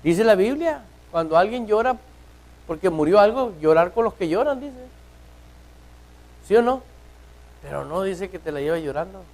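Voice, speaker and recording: A male pastor preaching a sermon, firing rhetorical questions at the congregation and swinging between loud and hushed. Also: high voice, animated, normal speed, long pauses, rough recording. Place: church.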